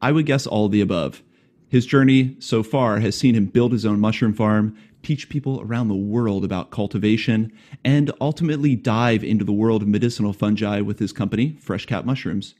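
This man hosts a podcast, opening with a scripted intro before shifting to relaxed interview questions that wander a bit and carry gentle humor. His voice sits fairly low, sounds a little mellow, and moves along fairly quickly.

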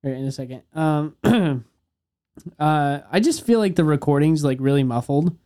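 A man's voice: fairly high pitch, expressive, moderate pace, mellow, smooth. A young man co-hosting a music podcast, talking casually, swearing freely and trailing off mid-thought. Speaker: podcast co-host. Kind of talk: casual chat about music.

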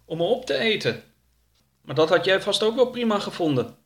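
A man voicing a naive, gentle traveller in a storybook reading, earnest and innocent. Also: high-pitched, lively intonation, fairly quick, pitched above the performer's own voice. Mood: sarcastic.

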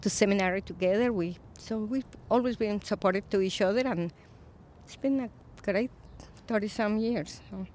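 A Colombian-born woman in her fifties, an Episcopal priest, speaking thoughtfully in a recorded interview, with frequent pauses and fillers. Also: medium pitch, a little hiss or hum. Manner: reflective, soft-spoken with frequent pauses and fillers.

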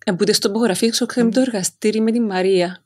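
A woman's voice: mid-range voice, steady tone, a crowd in the background. Woman interviewer with a Greek Cypriot accent. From Cyprus. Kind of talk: casual conversational interview.

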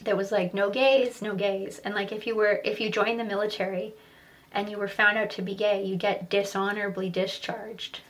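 A woman's voice: medium pitch, a little fast. A woman in her thirties hosting a podcast alone, telling stories casually with lots of swearing and rambling asides. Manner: profane, rambling, animated when retelling stories. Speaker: podcast host. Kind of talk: casual solo podcast storytelling.

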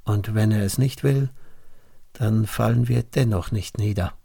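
A man's voice: on the low side, measured pace, creaky, warm tone, husky, exaggerated voice. A man voicing steadfast young men who firmly refuse a king, in a storybook reading. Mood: defiant. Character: three steadfast young men, calm and defiant.

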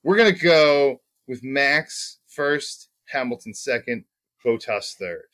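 A man's voice: medium pitch, lively intonation, slow pace, bright, forceful tone. A man co-hosting a podcast, chatting casually about racing bets, rambling and joking with lots of ums. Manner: rambling, jokey, many ums. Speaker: podcast co-host.

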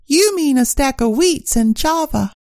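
High, creaky, bossy secretary. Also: female voice, animated, unhurried, darkish tone, no room sound. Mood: breezy. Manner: sassy, bossy, slangy. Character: bossy, sassy female secretary steeped in detective slang. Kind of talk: comic radio-play acting.

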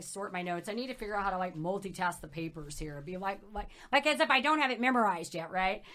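A woman's voice: on the high side, bright, forceful tone. A woman hosting a podcast interview, bubbly and enthusiastic, laughing often. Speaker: podcast host. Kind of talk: casual interview chat.

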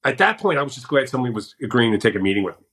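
A man's voice: medium pitch, big pitch swings, very fast, fairly bright tone, rough recording. A man from the US Northeast telling blunt, conversational sales stories on a podcast. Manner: blunt, conversational, acts out his own quoted lines. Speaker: sales guest. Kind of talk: casual podcast storytelling.

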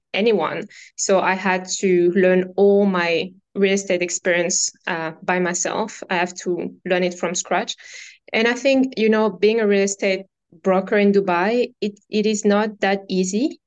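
Guesting on a podcast, a brokerage founder from France answers the interview questions casually and earnestly in her French accent, using fillers and repeating phrases. Her voice is mid-range, and the recording sounds muffled.

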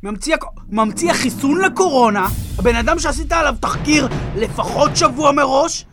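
An actor playing an obscure, hot-tempered male vaccine inventor who blows up and then forces himself calm, in a comedy audio drama. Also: on the high side, music in the background, lightly acted. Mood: exasperated.

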